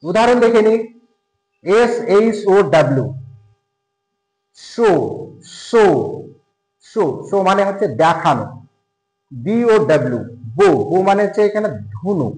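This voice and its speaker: A man teaching an English pronunciation lesson. He spells words out letter by letter and repeats each pronunciation slowly. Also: high-pitched, animated, darkish tone, reverberant, poor audio. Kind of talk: classroom-style language lesson.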